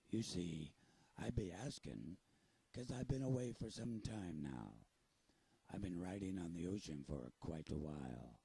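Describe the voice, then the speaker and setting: A gravelly, very deep pirate sailor spins his sea tale, as a man puts him on. The voice is dark and husky, drawn out slowly, and rises and falls with theatrical swings. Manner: drawling, theatrical pirate speech with chuckles. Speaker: storyteller. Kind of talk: storytelling in a pirate voice.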